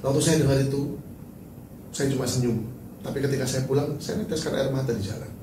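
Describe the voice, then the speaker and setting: A man preaching a sermon as pastor, animated and joking, then dropping to soft, tearful tones. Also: medium pitch, brisk, noisy background. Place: large church hall. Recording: echoey church hall from far off.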